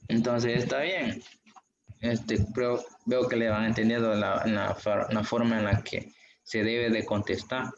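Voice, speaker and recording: Male online teacher; slow, patient, repeats examples; roomy, muffled call sound. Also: lowish voice, fairly even intonation, noisy background. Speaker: English teacher. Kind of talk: online class explanation. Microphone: video call. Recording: dull, echoey room audio.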